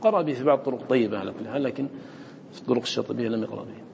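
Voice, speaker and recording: A man teaches Quran recitation in a mellow, mid-pitched voice. He explains quickly, then slows to chant the example words, and checks on his students with short questions. The recording has long reverb and a faint hum behind it. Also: vocal fry.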